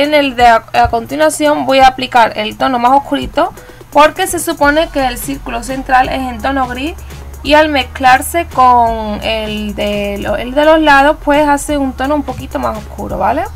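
A woman's voice: high voice, gravelly, a bit bright. A woman from Spain with a Spanish accent, hosting her nail art channel and narrating a step-by-step tutorial in a chatty, instructive way. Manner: instructive, chatty, self-correcting. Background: faint background music.

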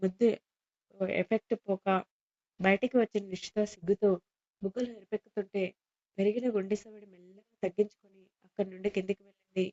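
Female audiobook storyteller, mid-pitched and soft-toned, gentle steady delivery, dull recording. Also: brisk, long pauses. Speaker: audiobook narrator. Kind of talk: scripted story narration.

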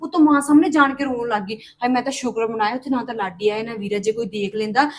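A woman's voice: fairly high pitch, fast talker, close to an everyday voice. An actress playing a young daughter-in-law who tries to placate her in-laws and then airs her grievances in a family drama. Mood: aggrieved. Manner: pleading, placating. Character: young daughter-in-law, eager to please and aggrieved. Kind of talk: village family drama acting.

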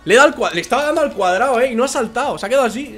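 A young man from Spain, slightly hoarse from a cold, giving casual, excitable gameplay commentary. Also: very high-pitched, very fast. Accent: Spain Spanish. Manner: excitable, swings into shouting and laughing. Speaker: gaming YouTuber. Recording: music playing underneath.

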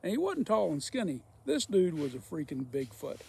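A man's voice: fairly high pitch, very animated, moderate pace, gravelly, dark tone, slightly rough. A man telling a folksy, rambling work story in casual speech while smoking a pipe. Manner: folksy, rambling, repeats himself. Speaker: storyteller, former welder.

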